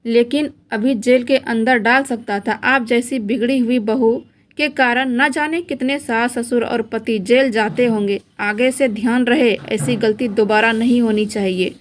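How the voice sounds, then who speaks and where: A woman's voice: a little high, fairly even intonation, unhurried, a little hiss or hum, natural voice. A woman voicing a brusque male police inspector who lectures and reproaches in a spoken story. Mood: stern.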